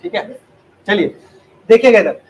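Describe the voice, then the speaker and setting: High-voiced teasing male classroom teacher. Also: lively intonation, darkish tone, a little hiss or hum, poor audio. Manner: teasing, drills students with quick repeated questions. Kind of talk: classroom lecture. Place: classroom with students.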